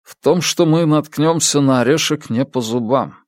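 A man's voice: on the high side, no room sound, clean studio sound, pitched above the performer's own voice, natural voice. A man voicing a thoughtful officer. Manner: measured, thoughtful. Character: male officer, thoughtful and dutiful.

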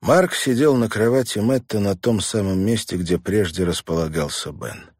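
A man narrating an audiobook in a measured, dramatic reading style. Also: fairly low pitch, a little mellow, slightly rough, dry recording, clean studio sound. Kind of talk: scripted narration.

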